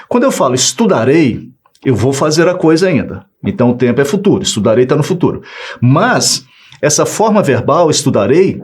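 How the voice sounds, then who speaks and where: A Brazilian man teaching Portuguese grammar in an exam-prep video lesson, joking and acting out example phrases. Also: on the high side.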